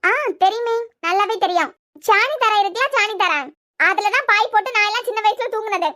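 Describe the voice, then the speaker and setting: Cartoon young wife voiced by a woman, high bright voice, quick and defiant, Kanyakumari accent. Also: dry recording, studio quality. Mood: sullen. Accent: Kanyakumari Tamil. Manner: low, muttering and defiant. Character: sullen young wife and mother, stubborn. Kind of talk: cartoon serial voice acting.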